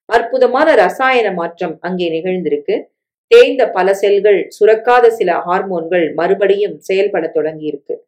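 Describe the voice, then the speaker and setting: A woman reading a family story aloud in a steady, plain way. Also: mid-range voice. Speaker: narrator.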